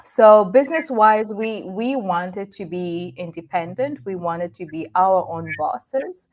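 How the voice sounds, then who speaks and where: A woman's voice: mid-range voice, lively intonation, slow pace, darkish tone. Cheerful woman from Rwanda, laughing. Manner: cheerful, laughs often, many restarts. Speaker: guest. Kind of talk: casual interview chat.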